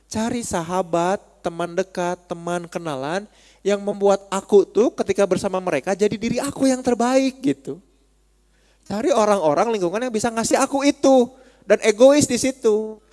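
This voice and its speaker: A man with a Sundanese accent gives a relaxed religious study talk in a voice pitched a little high. He is chatty and teasing and speaks straight to his listeners. A long reverb hangs behind him, as in a large hall.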